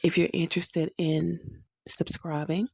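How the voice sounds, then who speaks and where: Slow, stuffy-voiced woman podcast host. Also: lowish voice, level tone, vocal fry, a little mellow, husky, no room sound. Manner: slow, earnest and encouraging. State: stuffy from a cold. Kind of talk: motivational podcast talk.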